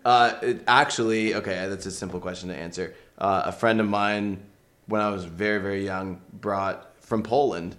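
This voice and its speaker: A man's voice: lowish voice, steady tone, normal speed, a bit bright. A man in a band telling a story in a casual chat, joking as he goes. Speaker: band member. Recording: echoey room.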